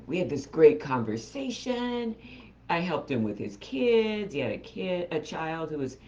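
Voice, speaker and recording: A woman telling a story on her vlog in a chatty, animated way, talking straight to her viewers. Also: extremely low pitch, lo-fi sound. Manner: chatty, animated retelling, addresses viewers directly. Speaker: vlogger.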